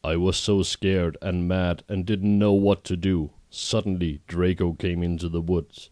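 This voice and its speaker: A man reading a fanfiction aloud exactly as written, in a deadpan voice, with brief asides. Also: low-pitched, a little slow, no echo, studio quality. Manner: deadpan, reads errors as written. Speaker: reader.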